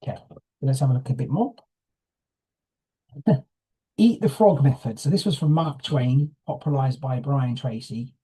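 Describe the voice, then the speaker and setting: A man's voice: mid-range voice, moderate pace, long pauses, mellow, husky, poor audio. A middle-aged man giving an informal lesson, chatty and often tagging his points with questions to the listener. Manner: chatty, keeps asking "isn't it?". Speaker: teacher. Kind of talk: informal lesson reading from slides.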